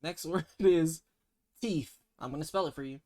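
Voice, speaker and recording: A man's voice: on the high side, moderate pace, darkish tone. A man with a Toronto accent casually hosting a slang quiz, teasing and mock-stern in slangy banter. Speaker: quiz host.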